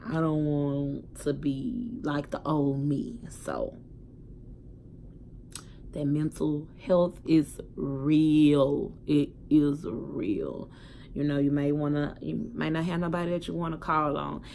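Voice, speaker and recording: A young woman speaks frankly into her phone. She talks in a candid, emphatic way and swears freely, swinging between loud outbursts and quiet thoughts. A faint hiss sits under her voice. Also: deep voice, fairly even intonation, slow pace, gravelly. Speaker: vlogger. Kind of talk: casual personal storytelling to a phone camera.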